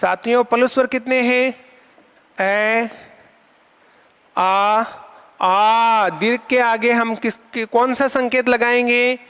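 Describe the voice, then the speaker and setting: High-pitched man lecturing slowly in a hall. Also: fairly even intonation, a bit bright, clear, resonant tone. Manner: asks questions and answers them himself, repeating key terms. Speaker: school lecturer teaching Sanskrit. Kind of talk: classroom lecture. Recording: long hall reverb.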